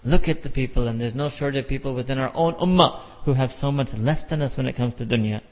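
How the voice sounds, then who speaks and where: Speaking fast in a mid-range voice, a middle-aged imam from the United States preaches emphatically, leaning on repetition and rhetorical questions. A long hall reverb hangs over the dull, lo-fi recording.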